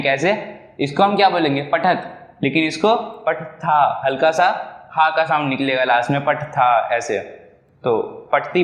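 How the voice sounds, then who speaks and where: A man's voice: fairly high pitch, fairly bright tone. Patient man teaching in an echoey room. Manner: patient, asks and answers his own questions, drills verb forms aloud. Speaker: Sanskrit teacher. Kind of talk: audio grammar lesson.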